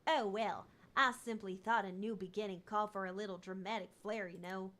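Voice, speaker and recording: A woman's voice: mid-range voice, unhurried, lightly acted. A woman doing a grandiose Texan author man. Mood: theatrical. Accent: put-on Texan. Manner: theatrical, grandiose phrasing. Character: flamboyant dramatic adult male fantasy author.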